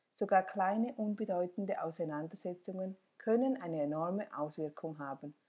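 Woman narrator, lowish mellow voice, calm direct self-help reading. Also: breathy edge.

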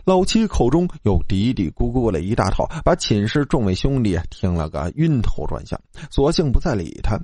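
A man narrating a comic ghost story in a lively, animated storytelling manner. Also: mid-range voice, normal speed, few pauses, no room sound.

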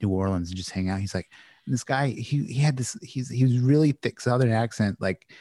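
A man's voice: medium pitch, a little fast, warm tone, no room sound. A man in a casual podcast roundtable, telling anecdotes in a chatty way with lots of fillers. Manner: chatty storyteller, many fillers.

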